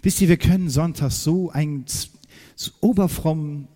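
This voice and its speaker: A man preaching a sermon, emphatic and direct, asking his listeners questions and swinging from loud outbursts to quiet, low asides. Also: normal speed, in a large hall.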